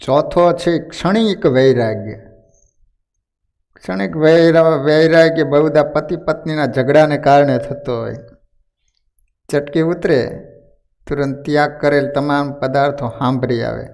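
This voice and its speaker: A man narrates devotional moral tales in a sermon, in a voice pitched a little high. His telling is lively and animated. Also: unhurried, long pauses. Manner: lively narration with acted quotes. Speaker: religious storyteller.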